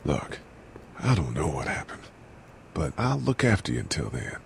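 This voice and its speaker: Brief: a steady game survivor, very deep voice with gravelly fry, dips and rises a lot. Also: male voice, normal speed, slight background noise, full character voice. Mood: calm. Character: grown man survivor, calm and protective.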